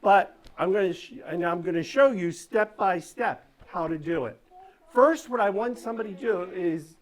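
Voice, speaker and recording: A woman's voice: fairly low pitch, moderate pace. A woman doing live magic show patter for children, giving step-by-step instructions and coaxing the audience along with frequent check-in questions. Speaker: stage magician performing for children.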